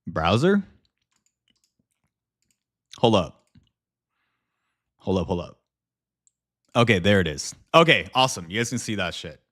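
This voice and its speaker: Low-voiced man casually chatting on livestream. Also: very animated, unhurried, long pauses, a bit bright. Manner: informal slang, swearing. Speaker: live streamer and video creator. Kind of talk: casual livestream chat, reading viewer messages aloud.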